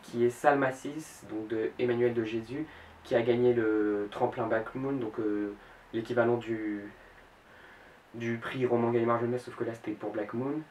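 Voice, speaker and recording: A man's voice: medium pitch, fairly even intonation, moderate pace, darkish tone. A young man in his late teens chatting about books he wants to read in a casual vlog, hesitant, with many fillers and self-corrections. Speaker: book blogger. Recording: roomy echo, mic at a distance, faint background hiss.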